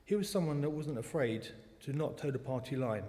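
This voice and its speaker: A man's voice: medium pitch, lively intonation, brisk, warm tone, slight background noise. A man in his forties from South London, with a South London accent, giving a personal testimony talk at a church service in a chatty, self-deprecating way. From South London, England. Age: 40s. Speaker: lay speaker at a church service. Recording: long church hall reverb.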